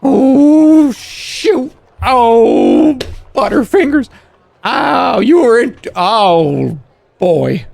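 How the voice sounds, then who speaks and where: Squat fretful fortune teller creature: slow, swooping, evasive game character. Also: male voice, sits high, very animated, gravelly, a little mellow, no room sound, voice pushed up, heavily acted. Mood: flustered. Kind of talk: voiced game character on a livestream.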